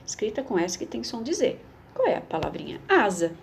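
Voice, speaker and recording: A woman's voice: mid-range voice, huge pitch swings, creaky, a little hiss or hum. A woman teacher, reading a schoolbook aloud and explaining it patiently to young children. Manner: patient, explains slowly, repeats words for children.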